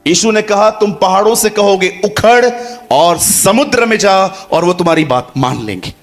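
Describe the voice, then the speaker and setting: A man's voice: sits high, moderate pace, faint music behind. A man preaching a sermon to a congregation, acting out little dialogues and putting questions to the crowd. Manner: lively, acts out dialogue, addresses congregation.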